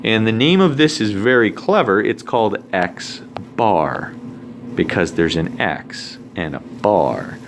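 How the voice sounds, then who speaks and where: A male math teacher walks through a recorded lesson in a low voice that swings up and down as he talks. He keeps it casual, dropping joking asides while he writes. A faint hum of room ambience sits behind him. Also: expressive, slow, creaky.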